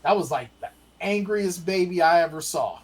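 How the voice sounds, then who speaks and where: Middle-aged man, husky voice with a swinging pitch, a lively storyteller in casual chat. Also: normal speed, poor audio. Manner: animated storyteller, acts out quotes. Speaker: guest, the host's father.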